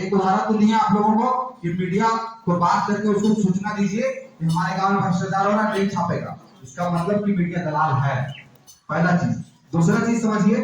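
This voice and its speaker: Man w quizzing the crowd, high voice, mic far off, huge echo. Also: dull audio. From Jharkhand, India. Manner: keeps firing rhetorical questions at listeners. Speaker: activist speaker. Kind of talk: public address to a gathering. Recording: very echoey room, distant mic, faint noise.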